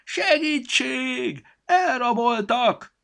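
A man voicing an excitable talking storybook that loves adventure, crying out in a shrill, theatrical voice. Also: creaky, heavily acted. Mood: shrieking.

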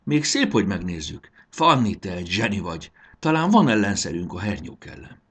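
Give me a confident young boy, brisk and lively, as a male narrator puts him on. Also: deep voice, breathy edge, full character voice. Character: young boy, clever and bold.

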